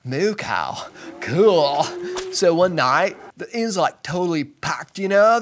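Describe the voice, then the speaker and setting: A man's voice: high voice, a little hiss or hum. A man playing a dim, laid-back young surfer dude who rambles slangily, saying dude and bro constantly. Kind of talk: comic monologue.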